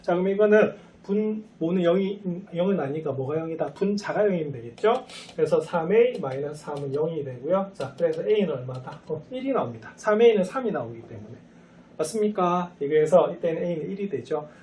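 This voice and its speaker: High-voiced man teaching math. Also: lively intonation, fairly quick, warm tone, recorded from a distance. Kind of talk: recorded math lecture.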